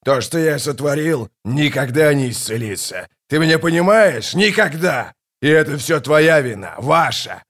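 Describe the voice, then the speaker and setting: A man voicing a scornful ancient tyrant king in a dramatized audiobook, contemptuous and rising to furious shouts. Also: medium pitch, normal speed, lightly acted. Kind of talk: audiobook reading with character voices.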